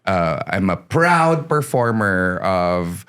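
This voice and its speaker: A man's voice: deep voice, sing-song, slow, fairly bright tone, clear, resonant tone. A man from the Philippines, a singer-songwriter guest on a podcast, talking in a chatty, laughing way with lots of fillers. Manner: chatty, laughs often, many fillers and restarts. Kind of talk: casual interview chat.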